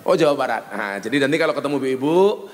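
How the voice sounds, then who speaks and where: A man with a Javanese accent preaches a jokey sermon before an audience in a large venue, switching between Javanese and Indonesian and acting out the voices in his stories. His medium-pitched voice is lively in intonation and he talks fast. The big-room sound carries a little hiss or hum.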